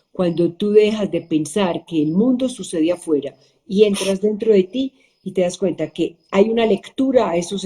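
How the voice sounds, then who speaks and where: Reflective woman host with a dark voice. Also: medium pitch. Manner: reflective, asks herself rhetorical questions. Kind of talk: conversational interview.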